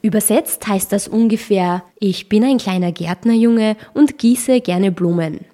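A woman with a mid-pitched voice narrates a scripted explainer. Her delivery is clear and explanatory, with a light playful touch at the ends of points. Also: measured pace, warm tone.

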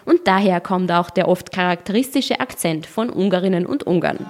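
A woman giving scripted documentary narration in a clear, explanatory and lightly playful way. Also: lowish voice, normal speed, a little mellow, faint music behind.

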